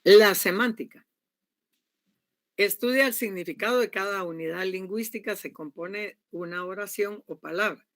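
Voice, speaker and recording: An emphatic woman teaches a university class, often pausing to check that her students follow. Her voice sits at a medium pitch, and the recording is dry and close. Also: no room sound. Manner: emphatic, keeps asking "¿verdad?" to check understanding. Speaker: university lecturer. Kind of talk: classroom lecture.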